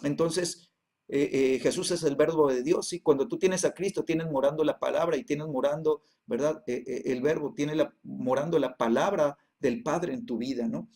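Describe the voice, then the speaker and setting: A man teaching a Bible class, reading verses slowly and then explaining them with many hesitations and repeated tag questions. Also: on the high side, darkish tone.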